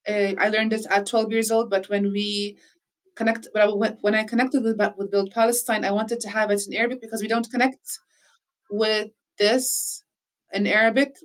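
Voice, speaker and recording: Reflecting conversationally on her healing practice, this interviewee keeps a level tone at medium pitch. She is earnest and measured, frequently restarting her phrases.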